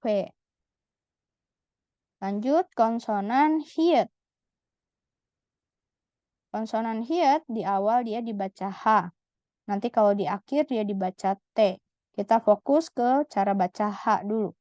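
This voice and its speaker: A woman's voice: medium pitch, slow pace, pauses often, mellow, no room sound. A woman teaching Korean letters in a patient, step-by-step way, sounding out each syllable and repeating it. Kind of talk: slow step-by-step lesson. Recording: slightly dull lo-fi audio.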